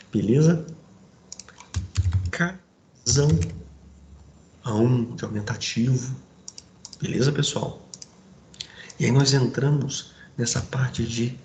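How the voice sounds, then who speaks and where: A man teaching a grammar lesson, explaining step by step and checking in with his students through quick asides. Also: medium pitch, darkish tone. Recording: roomy echo, faint background noise.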